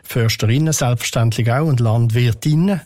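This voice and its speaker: An older man answers questions in a calm, measured way. He hesitates often as he thinks aloud, at an ordinary pitch for a man. The sound is close and dry, with no room echo. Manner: measured, thoughtful, with frequent hesitations. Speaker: head of city tree and green space department, interviewee. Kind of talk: radio interview answers.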